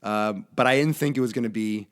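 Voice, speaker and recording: A man with a hoarse, failing voice hosting a casual fitness livestream in a brash, profane, jokey way. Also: fairly low pitch, fairly quick. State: hoarse, losing his voice from being sick. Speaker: fitness show host.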